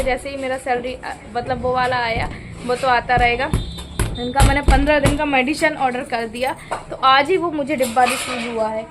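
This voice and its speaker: A woman's voice: sits high, a bit bright. A young woman chatting casually on a home vlog, confiding and repeating herself, now and then cooing sing-song at a baby. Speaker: vlogger. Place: at home indoors. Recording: noisy home phone recording.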